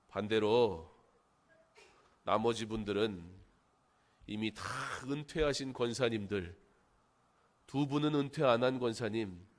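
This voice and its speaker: A middle-aged male pastor giving a Sunday sermon in a church, moving between soft asides and rising, emphatic preaching. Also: on the low side. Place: church sanctuary.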